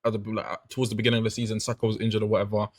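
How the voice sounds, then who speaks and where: A man's voice: lowish voice, monotone, rapid-fire, no echo. A young man in casual football chat, earnest and stubborn as he defends his opinions.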